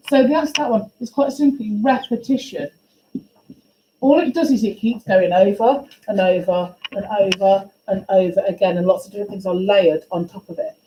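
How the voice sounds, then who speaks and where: A woman teaching a class, her fairly high voice dark and mellow in tone. She questions and encourages her pupils briskly, recorded in an echoey classroom with faint room ambience. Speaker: music teacher. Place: school classroom.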